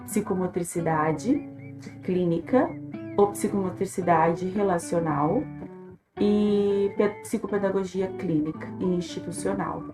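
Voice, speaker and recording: A woman teacher, speaking quickly as she describes her training. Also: fairly low pitch, steady tone. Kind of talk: explanatory talk to viewers. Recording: echoey room with guitar music.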